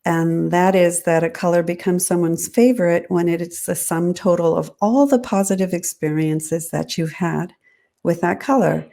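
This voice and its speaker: A woman designer as an interview guest, explaining her ideas in a measured, thoughtful way. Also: lowish voice, fairly even intonation, creaky, warm tone. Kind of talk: interview answers.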